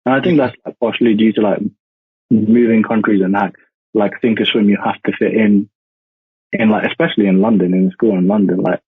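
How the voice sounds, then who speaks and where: He's in his twenties, raised in India, a law graduate appearing on a podcast via a remote call, and he rambles casually with "like" sprinkled throughout. His husky, fairly low voice keeps a fairly even intonation at a brisk clip. There's no echo, though the audio is tinny like a phone.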